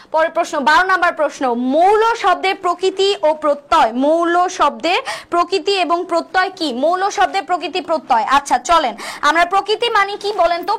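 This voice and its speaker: A woman's voice: extremely high pitch, a bit bright. A young woman, tutoring students for university admission in an online revision class, joking and often checking "okay?". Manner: teasing asides, frequent checks with "ঠিক আছে?".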